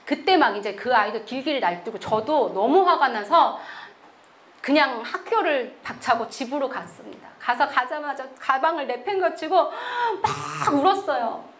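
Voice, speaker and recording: A middle-aged woman missionary giving a sermon-style testimony, telling her story with animated delivery and acting out the quotes. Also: high-pitched, moderate pace.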